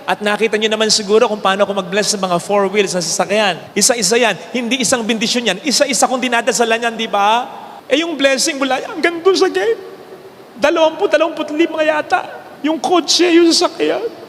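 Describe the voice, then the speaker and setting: High-voiced Filipino priest in an echoing church. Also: male voice, brisk, slight background noise. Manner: animated storytelling, swinging from high exclaims to low hushed lines. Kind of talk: homily. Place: large church. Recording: long church reverb with faint ambience.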